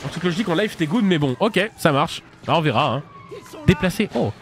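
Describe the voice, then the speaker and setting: Male streamer, high voice, very animated delivery, quick chatty reactions during live gameplay. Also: music in the background. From France. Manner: animated, chatty, laughs often, reacts loudly. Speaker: streamer playing a video game. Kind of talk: casual live gameplay commentary.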